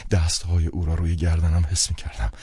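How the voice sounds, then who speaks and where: A man narrating a novel as an audiobook in calm, measured first-person storytelling. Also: deep voice, husky, dry recording. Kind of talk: scripted narration.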